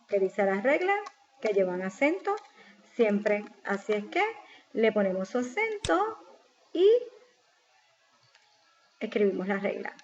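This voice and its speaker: A woman teacher patiently explaining a spelling exercise step by step, asking questions and answering them herself. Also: mid-range voice. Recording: slightly dull lo-fi recording with faint noise.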